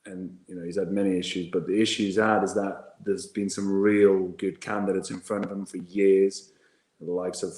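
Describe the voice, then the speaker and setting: A man telling rugby stories in a lively, casual way, his low-ish voice carrying a roomy echo. It sounds like a video call from home. He laughs easily. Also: moderate pace. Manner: lively storyteller, laughs often. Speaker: former rugby player pundit. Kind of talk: casual watchalong chat.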